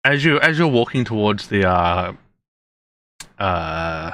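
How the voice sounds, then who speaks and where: A man narrating as game master, halting and full of restarts. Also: fairly low pitch, big pitch swings, bright, forceful tone, dry recording, clean studio sound. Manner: halting, many fillers and restarts.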